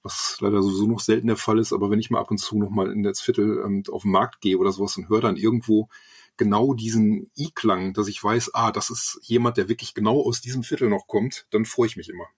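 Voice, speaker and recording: This podcast guest, a writer and project manager from Essen in his forties, speaks quickly in a fairly low, steady, slightly rough voice. A light Ruhr German accent colors his casual, hesitant interview answers, which are full of ums and restarts.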